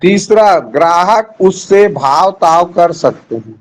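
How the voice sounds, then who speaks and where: A middle-aged man with a high, animated voice speaks slowly as he teaches a Hindi class over a call, patiently covering each answer option in turn. The audio quality is poor.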